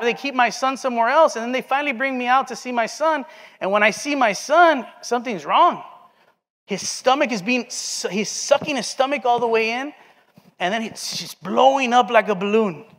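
Man, 40s, preacher, earnest storyteller, high voice, recorded in a big echoing church. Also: moderate pace, fairly bright tone. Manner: earnest storytelling, acts out quoted dialogue. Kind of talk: sermon with personal story. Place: church sanctuary. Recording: long hall reverb.

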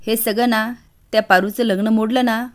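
A woman voicing a scheming, sharp-tongued young daughter-in-law in a serial recap, reading in a mocking, accusing way. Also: fairly high pitch, steady tone, moderate pace, close to an everyday voice. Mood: scornful.

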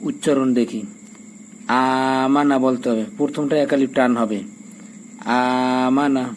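Man teaching quran reading, flat even voice, spells letters then chants words long and slow, faint crickets behind. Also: medium pitch, a little hiss or hum, poor audio. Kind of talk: Quran recitation lesson.

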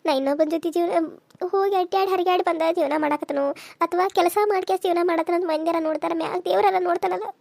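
A woman's voice: extremely high pitch, steady tone, racing, vocal fry, a little mellow, dry recording. A woman voicing a young widowed village mother who pleads and sobs as she complains, with a North Karnataka accent. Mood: pleading. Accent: North Karnataka Kannada. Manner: tearful, pleading, sobbing complaint. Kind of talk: cartoon serial dialogue.

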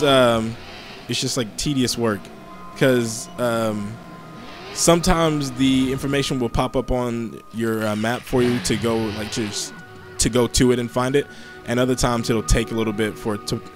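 A young man giving casual, rambling, joking commentary while playing a video game. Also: mid-range voice. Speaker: gameplay host.

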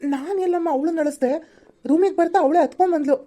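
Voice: extremely high pitch, quick pace, dark tone. A woman voicing a lovestruck young man with a broken arm in a home-made cartoon. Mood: teasing. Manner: teasing, brooding inner monologue.

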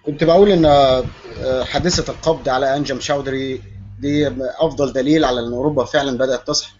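Fast, brisk Egyptian Arabic man. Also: mid-range voice, fairly even intonation, darkish tone, slight background noise. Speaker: panel guest. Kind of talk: online panel discussion. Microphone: internet call. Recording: dull lo-fi call audio.

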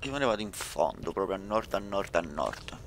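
A man playing a game with friends, making quick callouts and crude jokes. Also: low voice, big pitch swings, slight background noise. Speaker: gaming friend. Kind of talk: casual gaming chat. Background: keyboard clicks.

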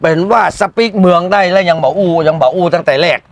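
Male vlog host, Northern Thai accent, high gravelly voice, exclamatory casual chat that echoes others. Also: quick pace. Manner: exclamatory, echoes what he hears.

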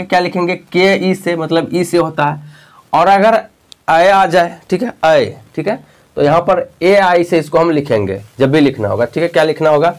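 A male teacher explaining a lesson patiently, often checking in with the listener and repeating key points. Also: fairly high pitch. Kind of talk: spoken lesson.

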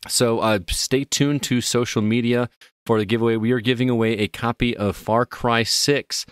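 A man's voice: mid-range voice, steady tone, moderate pace, clean tone, no room sound, clean studio sound. A man hosting a gaming podcast, chatting casually and upbeat, laughing easily. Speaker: podcast host.

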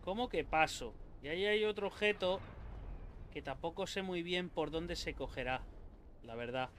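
A Spanish gaming YouTuber with a Spanish accent gives live commentary on his gameplay, excitable and swearing a lot as he talks to himself and his viewers. His voice sits high for a man, and a faint hum runs in the background.

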